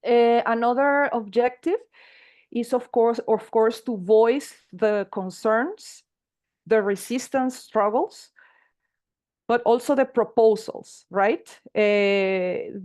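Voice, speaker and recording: A woman hosts an online panel over a video call. Her voice sits fairly high, and her speech is hesitant, full of fillers and restarts. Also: a little mellow. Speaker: webinar moderator.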